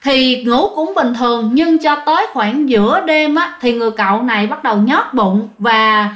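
A woman's voice: a little high, lively intonation, moderate pace, a bit bright, echoey room, lo-fi sound. A woman with a Southern Vietnamese accent telling ghost stories in a chatty way, often speaking straight to her listeners. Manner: chatty, addresses listeners directly. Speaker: ghost story narrator. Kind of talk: casual spoken storytelling.

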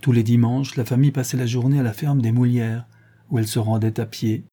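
Male audiobook narrator, husky and mellow, measured story reading. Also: medium pitch, steady tone. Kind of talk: scripted narration of a crime story.

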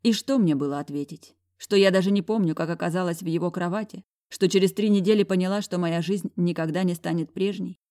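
Lady reading a novel out loud, lowish voice, punchy in the dialogue. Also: a little fast, few pauses. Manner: expressive, sharp retorts in dialogue. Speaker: audiobook narrator. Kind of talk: first-person novel reading.

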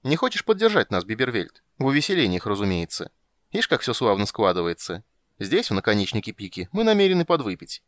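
A man's voice: lowish voice, huge pitch swings, a little fast, no echo, studio quality. A man voicing a boastful, flamboyant male bard in an audiobook, teasing and exclamatory. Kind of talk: audiobook character voice.

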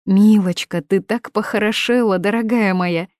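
A woman's voice: medium pitch, steady tone, normal speed, darkish tone, dry recording, voice pushed up, lightly acted. Woman doing a fussing, doting mother. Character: doting anxious middle-aged mother.

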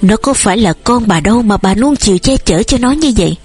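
Woman voicing a stern old farmer father, shouting, scolding, breathy, faint music behind. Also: fairly high pitch, expressive, fairly quick. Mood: angry.

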